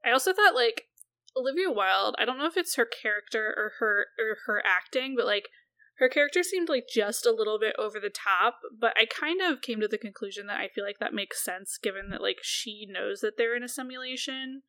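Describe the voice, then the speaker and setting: A woman's voice: a little high, animated, brisk, pushed and bright. A woman co-hosting a casual podcast chat about a film, chatty and swearing freely, with lots of "like". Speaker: podcast co-host.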